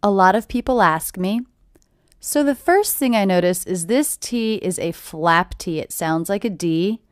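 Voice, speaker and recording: A woman teaching English pronunciation, clearly and deliberately repeating short phrases. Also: medium pitch, no room sound, clean studio sound. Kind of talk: pronunciation lesson.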